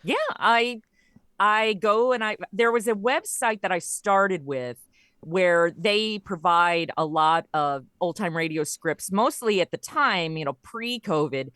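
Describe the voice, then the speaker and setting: An audio comedy creator appears as a podcast guest, telling stories casually and conversationally. Her fairly low voice is a bit bright and measured, recorded at studio quality with no room sound.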